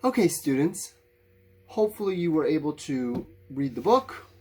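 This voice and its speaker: Teaching children informally, a male elementary school teacher writes out answers while thinking aloud, offering simple, encouraging explanations. His voice sits on the high side, mellow and at normal speed, with big pitch swings and a little hiss or hum in the background.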